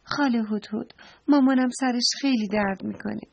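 A woman's voice: fairly high pitch, gravelly, a little mellow, slightly rough, lo-fi sound. A woman doing an anxious little squirrel. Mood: worried. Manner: anxious, hurried. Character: little squirrel child, worried about sick mother.

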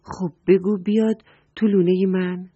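A woman's voice: medium pitch, level tone, husky, no echo, close to an everyday voice. A woman voicing a curious, eager little squirrel in a children's story, asking questions in a hurry. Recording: dull dry recording, soft music.

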